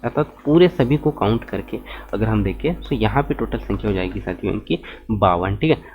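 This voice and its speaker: A man's voice: medium pitch, muffled recording. A male teacher giving an exam-prep grammar lesson. He explains step by step, restates each point and keeps checking in with listeners as friends. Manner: addresses listeners as friends, repeats "okay" and "isn't it" often.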